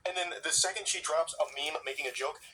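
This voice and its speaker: A man's voice: fairly high pitch, fast, recorded from a distance, noisy background. A man hosting reaction commentary on text messages, sarcastic and incredulous, swearing freely. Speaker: commentary channel host.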